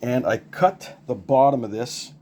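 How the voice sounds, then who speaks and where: An older man with an unhurried, warm, medium-pitched voice gives a casual, unscripted show-and-tell of a homemade project, like a hobbyist. He rambles and repeats himself in plain language, and a faint hiss or hum sits under the recording.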